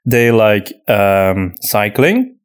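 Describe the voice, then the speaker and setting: Extremely slow and sing-song, his lowish voice has a clean tone: a Flemish-accented man from Flanders, Belgium, whose first language is Dutch. As a podcast co-host and audio drama writer, he chats through a casual Q&A, repeating words while thinking.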